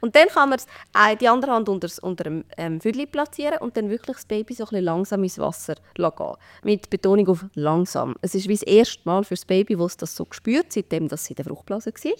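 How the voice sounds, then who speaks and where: A woman with a Swiss German accent explains baby care step by step in a relaxed podcast chat, with many fillers. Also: medium pitch, fast talker, few pauses, dry recording. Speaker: baby care expert guest.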